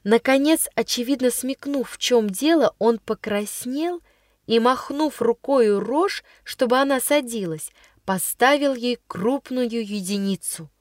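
A woman narrating a first-person story in a measured storytelling way. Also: fairly high pitch, no room sound. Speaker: audiobook reader.

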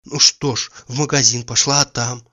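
A fretful, anxious gentleman from a storybook, read by a man, worried and impatient, pressing his questions in an ordinary male voice. The sound is muffled and lo-fi. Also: mid-range voice, steady tone, normal speed, lightly acted. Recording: dull lo-fi recording.

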